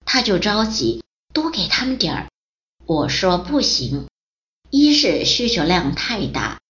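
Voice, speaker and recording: Slow-reading woman in an echoey room. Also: mid-range voice, a bit bright. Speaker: reader of a personal testimony. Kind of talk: read-aloud first-person account. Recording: roomy, dull lo-fi recording.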